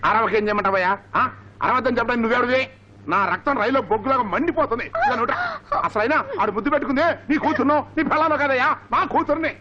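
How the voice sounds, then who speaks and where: A man's voice: high voice, racing, crowd noise, close to an everyday voice. Actor playing a ranting village father. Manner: shouting, ranting. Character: loud indignant middle-aged village father, comic. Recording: dull old film soundtrack.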